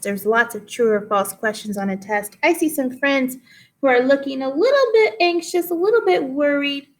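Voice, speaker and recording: A female teacher reads poems aloud to pupils, explaining and guiding them instructively through the lesson. Her voice is a little high and a bit bright.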